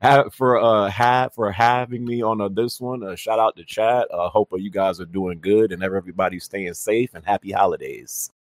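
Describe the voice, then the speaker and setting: A man guesting on a gaming podcast with a very low voice, recorded close and dry. He sounds laid-back, hesitates here and there, and ribs the hosts. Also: moderate pace, hardly any pauses, no echo. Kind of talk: casual gaming podcast chat.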